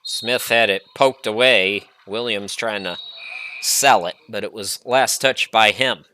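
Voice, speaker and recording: A man calling a basketball game play-by-play, chatty and prone to rambling asides between excited calls. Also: on the low side, slow pace. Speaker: play-by-play announcer.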